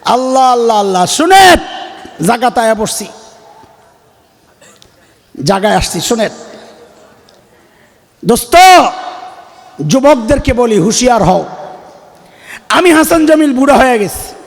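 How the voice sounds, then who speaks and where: A man from Bangladesh delivers a fiery sermon in a strikingly high voice. He jokes, shouts and fires questions at the crowd. His words come through a PA system with a long, trailing echo. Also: expressive, measured pace, long pauses. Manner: shouting, joking, rhetorical calls to the crowd. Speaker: Islamic preacher. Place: religious gathering at a school ground. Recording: reverberant PA sound with long echo.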